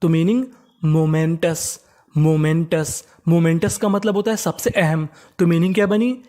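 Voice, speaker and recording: A mid-pitched teacher voice running an English reading drill. The teacher spells each word letter by letter and poses quick questions to the viewer. Each word is answered and then drawn out slowly in repetition. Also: steady tone, warm tone. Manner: slowly repeats each target word several times. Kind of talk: spoken lesson spelling out English words in Hindi.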